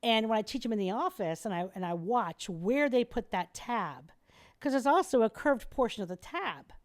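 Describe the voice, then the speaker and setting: Her voice leans high and her pace is moderate. She's a middle-aged airway specialist guesting on a podcast, explaining and demonstrating in an energetic, classroom-style way.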